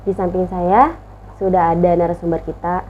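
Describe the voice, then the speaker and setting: A woman's voice: fairly low pitch, flat delivery, normal speed, narrow, tinny audio, a little hiss or hum. A woman host interviewing a guest, with short prompting replies and frequent okays. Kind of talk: interview talk show.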